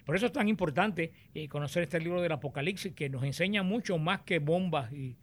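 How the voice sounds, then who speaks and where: A man teaching on the Bible, explaining and reading scripture aloud in a deliberate, explanatory way. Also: on the high side.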